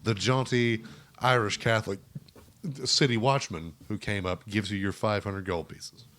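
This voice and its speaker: A man's voice: lowish voice, steady tone, normal speed, fairly bright tone, a little hiss or hum. A man running a tabletop game as game master, playful and teasing his players.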